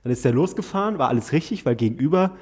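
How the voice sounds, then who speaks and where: A man telling a comic anecdote in an animated, exasperated way, breaking into frequent laughter. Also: a little high, very fast, husky, in a large hall.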